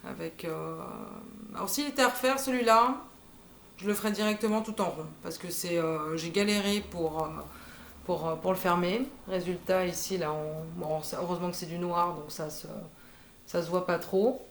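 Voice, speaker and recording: This is a casual show-and-tell from a knitting vlogger in her thirties, her fairly low voice moving at normal speed. There's slight hiss or hum and an echoey room, and she's hesitant, with many "euh" fillers.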